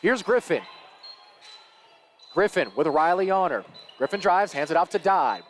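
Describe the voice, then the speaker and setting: A man calling live high school basketball play-by-play, quick and energetic as the action rises. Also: a little hiss or hum. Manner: rapid and energetic, rising with the action. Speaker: play-by-play announcer.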